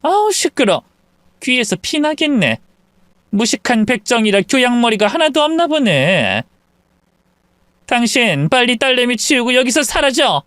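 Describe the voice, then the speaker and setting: A man's voice: very high-pitched, very animated, a little slow, fairly bright tone, no echo, studio quality, pitched above the performer's own voice, exaggerated voice. A man voicing a haughty, contemptuous middle-aged mother-in-law who sneers. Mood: sneering.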